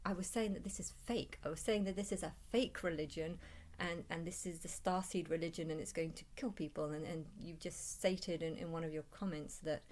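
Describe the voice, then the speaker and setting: A woman vlogger with a low, slightly mellow voice rambles through a personal vlog, recounting things in the first person. Her tone stays steady, but she speaks haltingly, repeating and restarting phrases.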